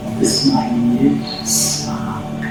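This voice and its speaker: A man leading a guided meditation, speaking calmly and slowly, his voice echoing through a big hall. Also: medium pitch. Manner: calm, slow and measured. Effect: big hall echo on the voice. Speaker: meditation teacher. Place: large reverberant hall. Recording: heavy reverb, distant mic, faint music.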